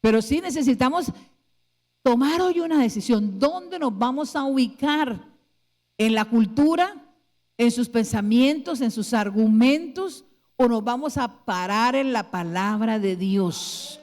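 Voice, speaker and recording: A woman's voice: on the high side, animated, a little slow, a little mellow. A woman pastor preaching a sermon, putting rhetorical question after question to her congregation. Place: church hall. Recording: long church hall reverb.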